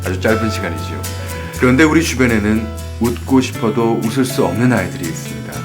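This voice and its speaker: Casting: a man with a lowish calm voice reading earnest narration over plucked guitar music. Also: fast. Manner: calm, grave. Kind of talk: scripted narration.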